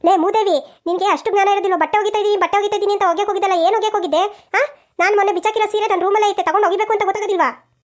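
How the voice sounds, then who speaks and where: A woman voicing a shrill, scolding old mother-in-law. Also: fairly even intonation, very fast. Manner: nagging, sarcastic scolding. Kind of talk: cartoon voice acting.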